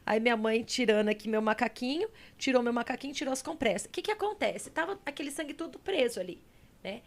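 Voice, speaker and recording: Young woman podcast host, slightly high voice, animated storyteller who acts out quotes; casual chat. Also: fast.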